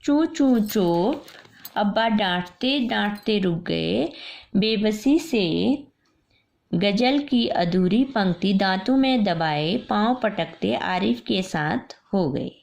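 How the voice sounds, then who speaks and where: A woman's voice: medium pitch, expressive, gravelly. A woman teacher reading a story aloud to a primary-school class, going back over each line and explaining what the words mean. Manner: slow patient explaining, repeating lines and defining words.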